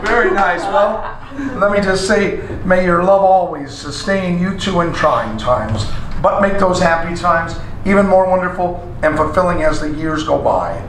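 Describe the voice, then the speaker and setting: A man's voice: sits high, expressive, moderate pace, a crowd in the background. A middle-aged man leading a joking wedding ceremony, playful and teasing, calling out vows for the couple to repeat. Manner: playful, teasing, breaks into song. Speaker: wedding officiant in an [name] costume. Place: small wedding chapel. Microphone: handheld mic, far camera. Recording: echoey chapel from far off with guitar.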